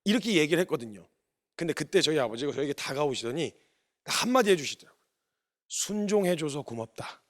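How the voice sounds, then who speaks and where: Man preacher, highish voice, storytelling sermon, acts out the bits, earnest. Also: very animated, fast talker, a bit bright. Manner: storytelling, acting out the dialogue; earnest and confessional. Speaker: missionary preacher.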